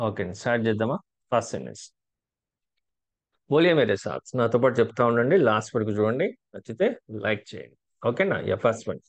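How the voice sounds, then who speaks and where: A man teaching a spoken language lesson, who repeats each phrase and coaxes viewers to say it aloud. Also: fairly low pitch. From India. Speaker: Hindi teacher.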